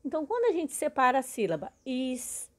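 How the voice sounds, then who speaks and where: A teacher woman with a fairly high voice explains grammar rules to her class. She talks patiently and breaks words into syllables one by one. She often checks in with her students as she goes. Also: expressive, unhurried, darkish tone. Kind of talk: recorded grammar lesson.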